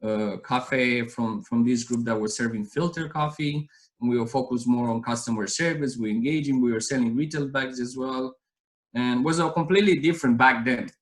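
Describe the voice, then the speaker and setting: A Romanian man in his thirties, speaking with a Romanian accent, tells his story earnestly as a guest in a casual interview. His mid-range voice moves at a normal speed and rambles with many restarts, and the recording is rough.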